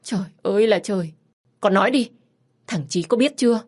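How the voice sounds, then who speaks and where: A woman voicing a loud, frantic scolding mother. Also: medium pitch, lightly acted. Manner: loud, demanding rapid questions.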